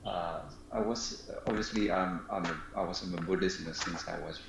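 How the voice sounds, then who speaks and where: Burmese-accented guy, super low voice, kinda hesitant, lots of uh, echoey room. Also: steady tone, fairly quick, vocal fry, noisy background. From Burma. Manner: hesitant, many restarts and "uh", laughs shyly. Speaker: questioner. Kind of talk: casual conversation.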